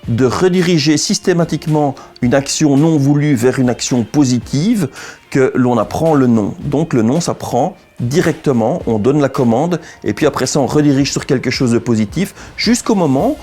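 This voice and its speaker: A man's voice: mid-range voice, animated, moderate pace, a little mellow, soft background music. A man giving an instructional explanation as a dog trainer, didactic and repeating key points for emphasis.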